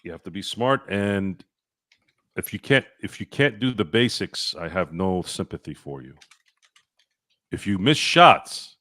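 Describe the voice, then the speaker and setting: A man's voice: sits low, animated, measured pace, pushed and bright. A man hosting a sports talk show, ranting with heated, profane opinions. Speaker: sports podcast host.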